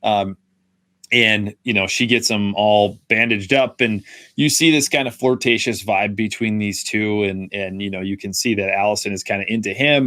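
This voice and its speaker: A man's voice: on the low side, a bit bright, no room sound. A young man co-hosting a casual film review podcast, rambling with many fillers and restarts. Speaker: podcast co-host.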